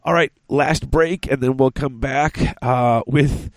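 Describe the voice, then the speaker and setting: A man hosting a podcast with a cold, congested and talking in halting, rambling chat. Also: medium pitch, steady tone, dry recording. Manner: rambling, halting, many restarts. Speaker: podcast host.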